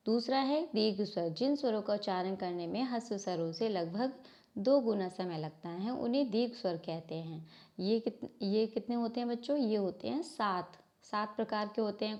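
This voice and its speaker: A woman's voice: medium pitch, warm tone, highs cut off. A woman teacher giving a grammar lesson from a textbook, asking her class questions and answering them herself, sounding out letters one by one. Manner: slow, spelled-out reading of letters.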